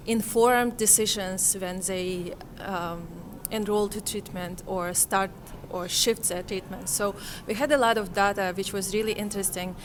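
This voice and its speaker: A Kazakh woman, a conference participant, gives reflective answers in an interview, hesitating and often searching for the right words. Her voice sits at a medium pitch, with slight noise in the background.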